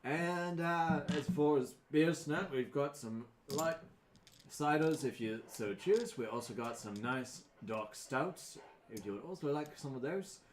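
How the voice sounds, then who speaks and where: A man's voice: a little high, unhurried, a little hiss or hum, voice pushed up, lightly acted. A man voicing an obliging, chatty two-headed cyclops tavern server. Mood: chatty, agreeable. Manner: chatty, deferential patter.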